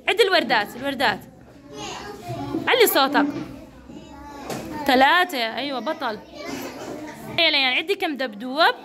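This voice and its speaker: A young woman with a Levantine Arabic accent, teaching a class of small children with steady coaxing and praise. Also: high voice, background noise. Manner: encouraging, coaxing, lots of praise. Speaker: kindergarten teacher.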